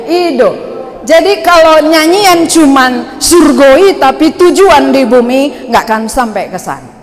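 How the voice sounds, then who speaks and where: A woman pastor giving a joking, lively sermon at a youth camp. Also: sits high. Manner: joking and lively, with laughing asides. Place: church hall. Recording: echoey hall with faint ambience.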